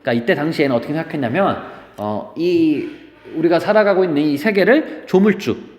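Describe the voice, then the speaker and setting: Man, teacher, high voice, lively pitch, playful paraphrasing lecture. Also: brisk, in a large hall. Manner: explains the poem with playful modern paraphrases. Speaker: Korean literature teacher. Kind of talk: classroom-style lecture.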